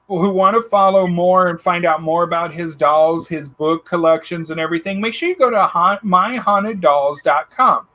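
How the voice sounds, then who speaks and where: A man hosting a casual radio talk show with a notably high voice. He is upbeat and laughs along, and he plugs the guest's links. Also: normal speed, hardly any pauses, pushed and bright.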